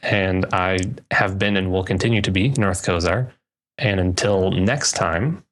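A young man with a very deep voice co-hosts a casual podcast. He rambles loosely and often circles back to restart his thoughts. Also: unhurried. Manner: rambling, self-correcting, loose. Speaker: podcast co-host.

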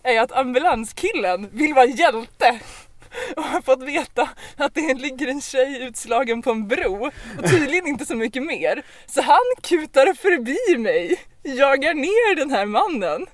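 A woman on a podcast telling a personal anecdote in a casual, lively way, with lots of fillers and restarts. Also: sits high, no echo. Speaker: podcast host. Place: podcast recording.

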